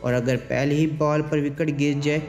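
A man reading a scripted sports countdown voice-over in a steady, formal delivery. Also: fairly high pitch, normal speed. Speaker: channel narrator. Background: faint background music.

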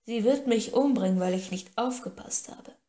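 A woman voicing a huge, slow, hesitant slave woman. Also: medium pitch, lively intonation, warm tone, reverberant. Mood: worried whispering.

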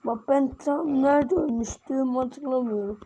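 A woman giving casual, slangy commentary while playing a game; she is a bit sick and her voice sounds rough. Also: high voice, measured pace, mellow. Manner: chatty, self-conscious, slangy. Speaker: gaming channel host.

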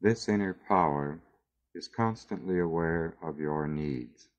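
A low-voiced man narrates a scripted guided meditation, measured and soothing, leaving long pauses. The recording sounds dull.

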